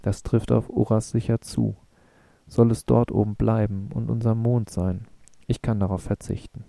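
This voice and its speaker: A man's voice: fairly low pitch, flat delivery, normal speed, vocal fry, dark tone, no echo. A male narrator voicing a frank, spirited young woman, speaking in a blunt, defiant way in an audiobook reading.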